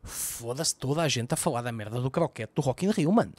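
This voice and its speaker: Swearing, rambling Lisbon comedian. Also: male voice, mid-range voice, brisk, no room sound, clean studio sound. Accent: Lisbon Portuguese. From Portugal. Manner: swears a lot, rambling and animated. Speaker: podcast host and comedian. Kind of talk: casual solo podcast monologue. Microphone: podcast microphone.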